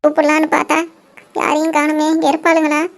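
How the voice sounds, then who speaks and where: A woman voicing a timid, half-blind old aunt in a cartoon, talking in a slow, fretful way. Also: high voice, monotone, vocal fry. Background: music.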